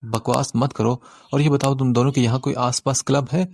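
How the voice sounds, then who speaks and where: A man's voice: level tone, vocal fry, dry recording. A man reading an audiobook voices a tearful, hot-tempered young woman who cries one moment and threatens the next. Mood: tearful, bossy. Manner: sobbing complaints turning to shrill threats.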